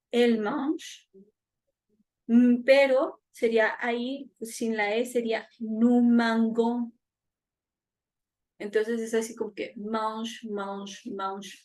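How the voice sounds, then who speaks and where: A young woman teaches at a slow, deliberate pace. Her voice sits a little high. She explains patiently and often checks whether her students follow. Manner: patient, repeats each point with check-ins. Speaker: French teacher. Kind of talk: online class lesson.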